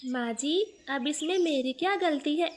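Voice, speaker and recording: A woman voicing a gentle, patient young wife bird in a cartoon, speaking softly and meekly. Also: high voice, measured pace, slight background noise. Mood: pleading. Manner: soft, patient, meek.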